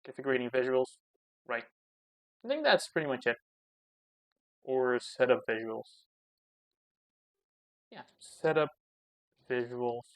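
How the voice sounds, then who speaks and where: A man's voice: medium pitch, smooth, no echo. Guy muttering thru his code setup on a screencast, dry close mic, mid voice. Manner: thinks aloud while typing, mutters commands. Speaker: channel host. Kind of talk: casual coding screencast commentary.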